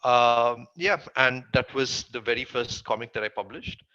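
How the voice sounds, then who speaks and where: A man's voice: mid-range voice, moderate pace, pushed and bright, dry recording, highs cut off. A man with a Tamil accent giving casual interview answers as a guest, recounting his work. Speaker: interview guest, comic writer.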